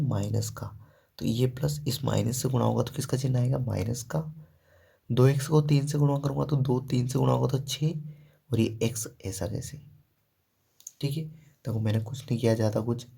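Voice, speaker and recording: A man's voice: mid-range voice, gravelly, dark tone, breathy edge. A man teaching a math lesson step by step, asking questions and answering them himself, with frequent "ठीक है" and "देखो".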